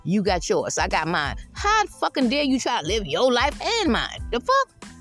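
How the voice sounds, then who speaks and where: A woman's voice: medium pitch, wildly swooping pitch, normal speed, a bit bright, soft background music. A woman in her fifties giving a blunt, profane, confrontational monologue, full of "you know what I mean" asides. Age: 50s. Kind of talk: defiant monologue rant.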